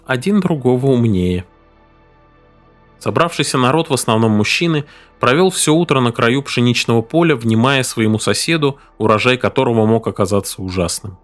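A man narrating a story in an animated, dramatic way. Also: medium pitch, brisk, few pauses, faint music behind. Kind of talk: expressive story reading.

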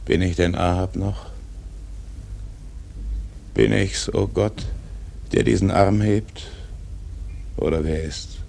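Captain Ahab, very deep gravelly sea captain. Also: male voice, fairly even intonation, takes it slowly, pauses often, a little mellow, full character voice. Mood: anguished questioning. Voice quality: gravelly, husky. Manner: solemn, haunted, declamatory. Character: brooding, tormented old sea captain obsessed with fate. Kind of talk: literary radio drama monologue.

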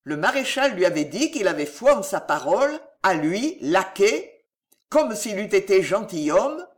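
A reader narrating a historical adventure novel as an audiobook, with dramatic, expressive storytelling. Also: mid-range voice, a little slow.

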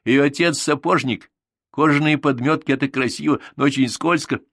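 A man reading an audiobook, voicing a cheeky boy who teases calmly. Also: mid-range voice, a little fast, no echo, studio quality, pitched above the performer's own voice. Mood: teasing. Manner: teasing, mocking. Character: cheeky teasing boy, calm and smug.

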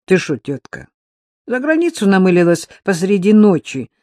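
A man's voice: on the high side, big pitch swings, normal speed, darkish tone, dry recording, clean studio sound. A man reading the part of a cheeky young man who teases in slangy speech. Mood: teasing. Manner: teasing, colloquial.

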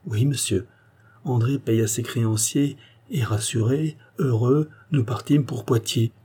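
A man's voice: mid-range voice, measured pace, warm tone, breathy edge, pitched above the performer's own voice. A man reading a novel aloud, voicing a distressed young woman who pleads earnestly for her brother. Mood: anxious pleading.

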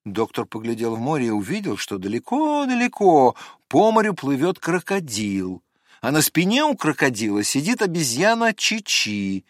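A man reading a children's storybook aloud with expressive, animated storytelling. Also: medium pitch, normal speed, dry recording, clean studio sound. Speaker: narrator.

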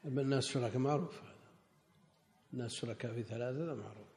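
Man teacher with a mellow voice. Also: mid-range voice, racing. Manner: brief, corrective remarks. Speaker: sheikh teaching the lesson. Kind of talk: scholarly lesson commentary. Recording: long hall reverb.

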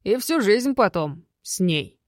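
A woman's voice: medium pitch, sing-song, takes it slowly, dry recording, studio quality. A woman doing a blunt, wry young werewolf man. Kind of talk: audiobook character voice.

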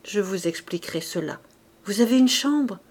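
A woman reading aloud, voicing a serious middle-aged man in a lower, measured tone. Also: lively intonation, a little mellow, husky. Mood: grave.

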